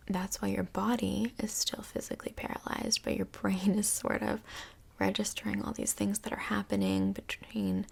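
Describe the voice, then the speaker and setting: Mostly whispering in a soft, breathy ASMR role play, a woman fully inhabits the character of a soothing couples' counsellor, gentle and measured. Her mid-range voice stays calm as she explains things.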